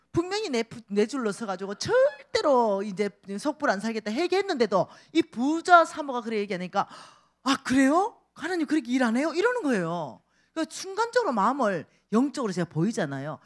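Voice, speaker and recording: A middle-aged woman preaching a revival sermon in a church, telling a story with dramatic quoted voices. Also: a little high. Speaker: revival speaker.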